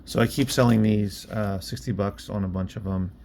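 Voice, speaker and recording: Speaking at a moderate pace with fairly even intonation, the man has a lowish, darkish voice as he muses offhandedly about his work in a casual vlog. He hosts the vlog and sells online while also owning a bookstore, and background noise is clearly audible.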